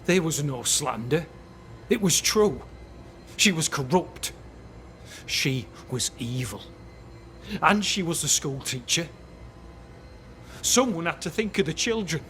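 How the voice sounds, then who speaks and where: A man's voice: low-pitched, measured pace, pauses often, slight background noise. A man playing a self-righteous military captain in a video game, stern, formal and defiant. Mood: defiant, agitated. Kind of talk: dramatic video game acting.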